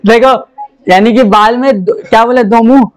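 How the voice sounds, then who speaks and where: High-voiced man teaching a noisy class. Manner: jokey, repeats questions to the class, calls for attention. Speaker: science teacher. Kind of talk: classroom lecture. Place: classroom with students. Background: students talking and laughing.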